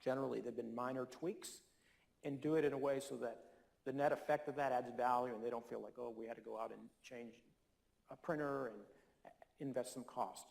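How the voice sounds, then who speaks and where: A man's voice: medium pitch, gravelly, a little mellow. A man speaking as a keynote speaker, answering audience questions in an earnest, persuasive way with emphatic stresses, in a conference hall.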